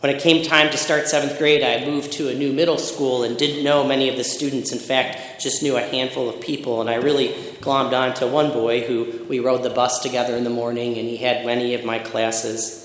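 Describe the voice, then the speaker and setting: A man's voice: medium pitch, level tone, fairly quick, few pauses, a bit bright, a little hiss or hum. A middle-aged man from Michigan gives a sermon, telling personal stories in a reflective way and building emphatic lists. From Michigan, USA. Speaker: preacher. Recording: echoey hall with long reverb.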